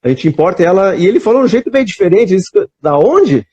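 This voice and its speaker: Soft-voiced Brazilian man, chatty and rambling. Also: high-pitched, very animated, fast talker, breathy edge, highs cut off. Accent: Brazilian Portuguese. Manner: rambling storyteller, many restarts and "né?". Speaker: guest. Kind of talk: casual chat on a live stream.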